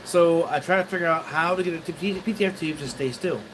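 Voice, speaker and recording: A man casually chatting on a livestream from his home studio, rambling and halting as he greets viewers. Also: on the high side, a bit bright, slight background noise, poor audio. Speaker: 3D printing livestreamer.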